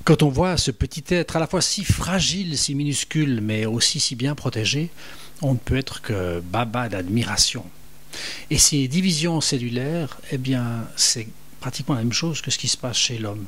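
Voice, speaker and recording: A man narrating a nature documentary, explaining things in an unhurried way and speaking directly to the listener. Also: mid-range voice, expressive, fairly bright tone. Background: music.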